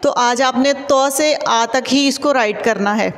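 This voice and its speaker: A woman teacher with a Pakistani Urdu accent, sounding out letters and syllables slowly for young children in an online lesson. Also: sits high. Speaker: school teacher. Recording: echoey room with long reverb.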